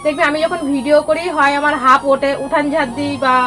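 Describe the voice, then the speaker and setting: A woman, a mother and vlog host, chatting loudly and rapidly to her phone camera at home. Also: sits high, fairly even intonation, music in the background. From India. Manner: loud, rapid, emphatic talker. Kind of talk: casual family chat to camera. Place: village home. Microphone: phone on a stand.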